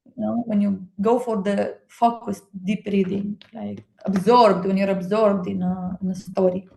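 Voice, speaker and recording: A young woman from Romania speaking English with a Romanian accent, chatting as a guest in a hesitant, excited way with many fillers. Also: mid-range voice, measured pace, vocal fry, a little hiss or hum. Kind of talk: casual conversation. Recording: echoey room.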